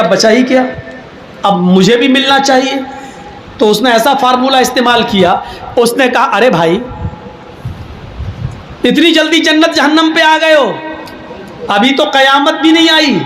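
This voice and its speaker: A man preaching in a very high voice, animated as he acts out each character in his stories and breaks into shouts. The sound is echoey, like a hall, with a faint hum behind him. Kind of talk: sermon with humorous storytelling.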